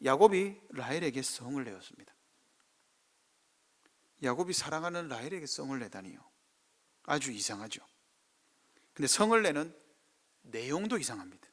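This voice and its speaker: A man's voice: medium pitch, sing-song, moderate pace, pauses often, fairly bright tone. A middle-aged male pastor with a Gyeongsang Korean accent preaching a sermon, acting out quoted speech in dialect.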